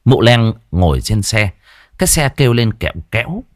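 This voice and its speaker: Man, ghost story narration, expressive, animated pitch, dry close recording. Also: normal speed, no room sound.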